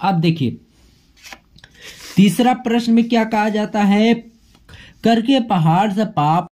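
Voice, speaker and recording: Teacher, exam-prep lesson, friendly classroom tone, slow deliberate verse reading. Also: medium pitch, darkish tone. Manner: reads quoted passages and verse slowly and deliberately; friendly, addresses students as friends, often checks in with "okay".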